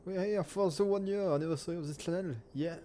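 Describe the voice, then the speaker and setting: With slight background noise behind him, a twenties-aged French man talks fast in a high, mellow voice and a strong accent. It's an easygoing anniversary chat to camera for his gaming channel's viewers, full of rambling, fillers and self-corrections.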